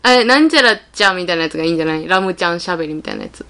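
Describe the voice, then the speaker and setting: A woman with a Kansai accent co-hosting a comedy talk show, trading quick retorts and giggly banter. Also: on the low side, animated, bright, forceful tone. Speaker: co-host. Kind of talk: casual comedic chat.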